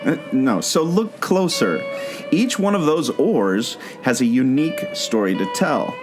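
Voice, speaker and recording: A former theme park skipper who now co-hosts a podcast speaks at a medium pitch, a little slowly, with big swings in pitch. In a scripted audio play, he earnestly explains a mystery, leading the listener along like a storyteller, with plucked guitar music playing behind him.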